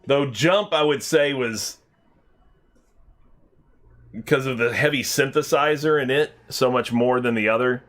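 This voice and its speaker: A man's voice: mid-range voice, measured pace, long pauses, fairly bright tone. Rambling American man chatting while gaming. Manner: rambling, chatty, with many fillers. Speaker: streamer. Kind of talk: casual chat while gaming.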